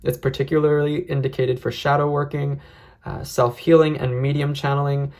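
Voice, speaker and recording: Casual deck reviewer with noticeable vocal fry, reflective and measured, careful to hedge opinions. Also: medium pitch, level tone, darkish tone. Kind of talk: casual unscripted review talk.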